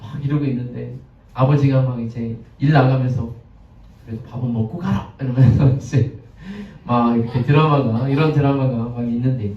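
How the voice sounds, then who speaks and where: A man's voice: mid-range voice, fairly even intonation, normal speed, a little hiss or hum. A male pastor giving a conversational sermon, chatting with the congregation and putting questions to them. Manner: chatty, asks the congregation questions, acts out scenes. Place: church sanctuary. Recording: echoey, distant, dull lo-fi sound.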